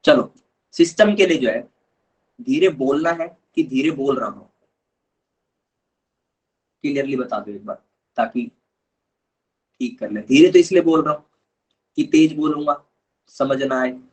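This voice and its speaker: A man's voice: medium pitch, measured pace, pauses often, breathy edge, rough recording. A man teaching a live online chemistry lesson, patiently explaining step by step and calling his students kids.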